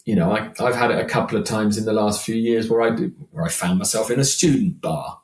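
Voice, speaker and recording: A sixty-year-old British man, a working function singer, chats casually as a podcast guest, rambling and poking fun at himself. His voice is lowish and quick, and the recording sounds roomy and echoey.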